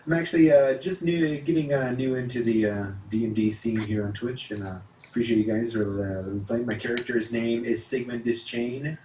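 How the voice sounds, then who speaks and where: A man introducing himself and his character as a player in a tabletop game, in a laid-back, unhurried way. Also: mid-range voice, steady tone, a little mellow, slight background noise. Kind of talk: casual self-introduction. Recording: roomy, distant mic.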